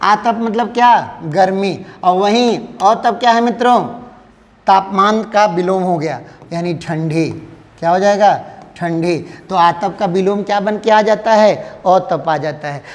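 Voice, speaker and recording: A man's voice: high-pitched, unhurried, big-room sound. A male teacher giving an exam-prep lesson, who keeps asking the class questions and answering them himself.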